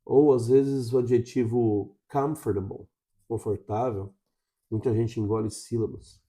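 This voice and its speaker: Brazilian male teacher, warm mellow tone, direct-to-camera coaching delivery. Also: mid-range voice, fairly even intonation, unhurried. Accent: Brazilian Portuguese. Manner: coaching, checks in with frequent "tá?". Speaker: English teacher.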